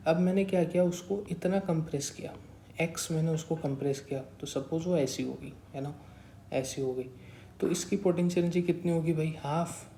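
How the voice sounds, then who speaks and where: A man's voice: fairly high pitch, warm tone, a little hiss or hum. A young man in his twenties tutoring a class in a casual way. He asks questions, answers them himself, calls the listeners brother and keeps repeating that something is exactly right. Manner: repeats a stock phrase of agreement. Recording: roomy echo.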